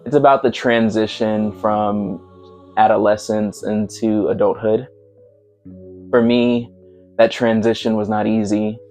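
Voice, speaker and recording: A young man telling his own story in a reflective, candid documentary interview, unhurried and soft-spoken. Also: lowish voice, level tone, soft background music. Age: young adult. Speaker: musician narrating his documentary.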